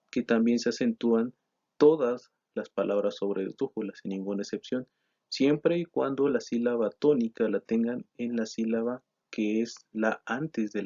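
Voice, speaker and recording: A man's voice: medium pitch, mellow. A man teaching a grammar lesson, explaining from slides with frequent "eh" and self-corrections. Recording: slightly dull lo-fi sound.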